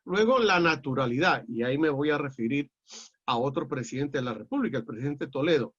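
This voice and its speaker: A middle-aged man with a Peruvian accent lecturing a class in a measured, explanatory way, often pausing on "eh". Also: mid-range voice, lively intonation, fairly bright tone. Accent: Peruvian Spanish. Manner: measured and explanatory, with frequent "eh" fillers and restarts. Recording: dull lo-fi audio.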